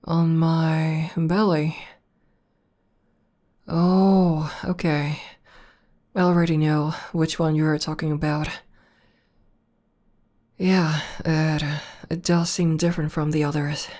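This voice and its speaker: In an intimate one-sided ASMR roleplay, a woman plays a bashful tomboy demoness warrior speaking to her partner. Her notably low voice comes slowly and flatly, and she sounds soft, hesitant, and deeply affectionate. The mood is calm and reminiscing.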